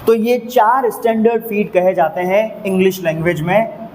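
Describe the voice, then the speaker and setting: A man with an Indian English accent teaching a lesson, reading definitions slowly and then explaining each one step by step with checking questions. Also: high voice, a little mellow, big-room sound, slight background noise, poor audio. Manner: repeats each point, asks checking questions.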